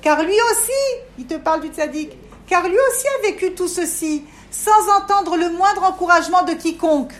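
A woman teaching a religious class to a group of women, animated and talking straight to her listeners. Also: very high voice, normal speed. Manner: animated, talks straight to listeners, acts out inner voices. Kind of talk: lively spoken religious lesson.

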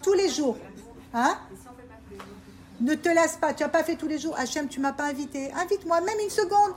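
A woman's voice: high voice, normal speed. A woman teaching a group of women about faith, emphatic and repetitive, often asking her listeners if they understand. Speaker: religious teacher. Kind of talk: informal Torah talk to women.

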